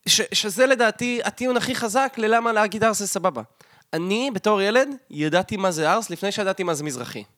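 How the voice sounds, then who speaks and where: A man's voice: high voice, a bit bright, dry recording, studio quality. An Israeli man in casual podcast conversation as a co-host, talking colloquially and insistently, often repeating himself for emphasis.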